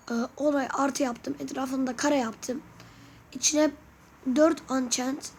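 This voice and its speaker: A woman's voice: high-pitched, a little mellow, a little hiss or hum. A woman YouTuber chatting casually through a gameplay tour, constantly addressing her viewers and asking them to comment. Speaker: gaming YouTuber.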